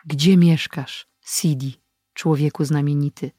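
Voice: medium pitch, fairly even intonation, slow pace, dark tone, husky, no echo, clean studio sound. A reader doing a weak wounded young man. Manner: weak, faltering voice.

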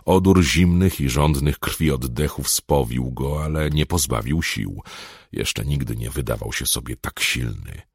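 Super deep gravelly guy narrating an audiobook, husky, dramatic delivery. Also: unhurried, dry recording, studio quality. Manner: dramatic, swelling on tense moments.

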